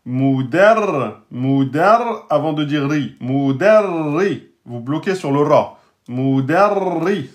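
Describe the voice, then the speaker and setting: A man teaching Arabic and Quran reading in a recorded lesson, patiently sounding out words syllable by syllable and talking straight to his students. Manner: slow, patient, drills syllables one by one; sounds out words very slowly, raising his pitch.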